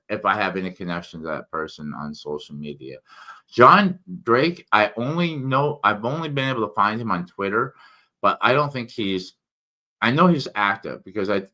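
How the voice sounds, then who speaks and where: A man with a low-pitched voice gives a casual book review. His words come out thick and slightly slurred, with the tongue pushed forward, and his delivery is hesitant and halting. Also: bright, forceful tone. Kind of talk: casual spoken book review, partly read aloud.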